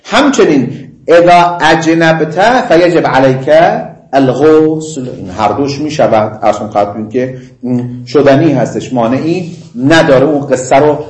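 A middle-aged man with a mid-range, darkish voice, a seminary teacher, teaches a class on Islamic law in a classroom with roomy echo. He repeats his points, asks whether students follow and slips in Arabic legal phrases. He also chats with them, with asides and laughter.

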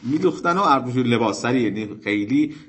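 A man giving a religious lecture to seminary students, telling stories in a formal, animated way with polite asides to his listeners. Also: mid-range voice, husky.

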